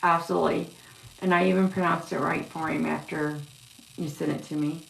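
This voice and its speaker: Gravelly-voiced woman doing live psychic readings. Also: deep voice, steady tone, a bit bright. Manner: halting, filler-heavy, yawning. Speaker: psychic reader on live stream. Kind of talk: casual live-stream reading. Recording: echoey room with faint noise.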